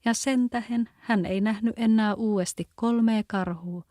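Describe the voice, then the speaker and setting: Female narrator, Kven accent, calm storybook reading, mellow tone, dry close sound. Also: a little high, no room sound.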